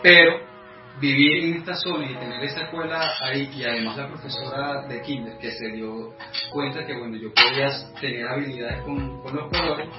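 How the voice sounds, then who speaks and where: A Venezuelan man in his thirties, a guest artist, telling his story in a casual interview with many thoughtful pauses and fillers. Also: mid-range voice, fairly even intonation. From Venezuela, the llanos. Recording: echoey room, distant lo-fi mic, music.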